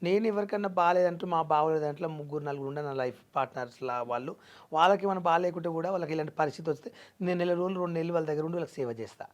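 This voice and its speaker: A man's voice: a little high, very fast. A young man, talking earnestly and emphatically as an interview guest, mixing in English phrases. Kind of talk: emotional personal interview.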